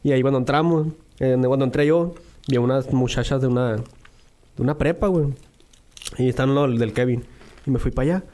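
A man's voice: medium pitch, fairly quick, warm tone. A young man with a northwestern Mexican accent, co-hosting a podcast in casual banter and swearing freely with lots of slang. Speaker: podcast co-host.

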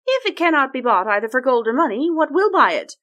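A woman voicing a haughty young princess who speaks in a high, demanding way in a fairy-tale reading. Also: big pitch swings, fast, a bit bright.

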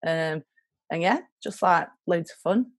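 A young British woman talks casually as a guest on a podcast. Her voice is a little low for a woman. The recording is dry and close. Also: measured pace, dry recording. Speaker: charity worker, podcast guest. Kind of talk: casual chat.

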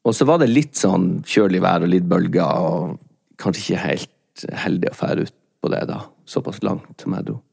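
A man from Norway with a low, gravelly voice talks through a personal story in relaxed podcast chat. He stumbles and restarts often, circling back as he goes. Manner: halting and rambling, many restarts and fillers. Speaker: podcast co-host. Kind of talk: casual confessional chat.

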